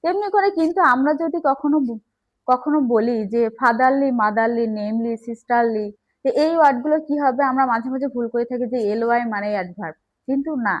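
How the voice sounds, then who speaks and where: A woman's voice: high voice, highs cut off. A woman teaching an English grammar lesson, explaining step by step and checking in with the class.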